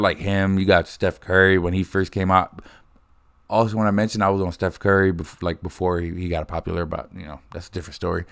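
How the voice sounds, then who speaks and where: A young man in a rambling, profane casual rant, talking close to the mic. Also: low voice. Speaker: host.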